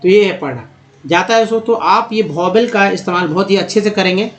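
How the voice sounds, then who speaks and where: A man's voice: sits high, brisk. A man teaching pronunciation step by step, addressing viewers as friends. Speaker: English teacher. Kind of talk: teaching lesson.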